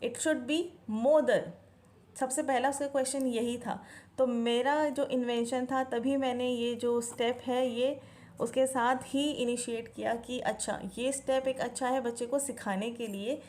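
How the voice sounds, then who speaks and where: Slow, patient woman explaining spelling. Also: fairly high pitch, fairly even intonation, a little mellow. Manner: mixes Hindi and English. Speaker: parenting channel host teaching spelling methods. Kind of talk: home teaching tutorial.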